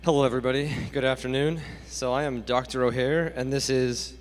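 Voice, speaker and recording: Man professor, mid-pitched voice, friendly casual remarks, echoing hall. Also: steady tone, brisk. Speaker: professor and society co-advisor. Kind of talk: ceremony remarks. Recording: long hall reverb.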